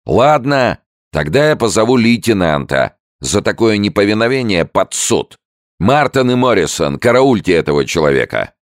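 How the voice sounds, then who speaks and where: A man's voice: lowish voice, big pitch swings, moderate pace, no echo, studio quality, voice pushed up. A bellowing army sergeant, as a man reads him. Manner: shouted orders. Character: barking male army sergeant, harsh and bullying.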